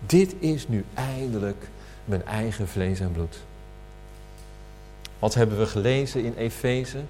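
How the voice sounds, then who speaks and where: A man preaching a sermon at a communion service, slow and emphatic, asking rhetorical questions. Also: lowish voice, lively intonation, mellow, soft background music. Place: church hall. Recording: reverberant hall with faint hum.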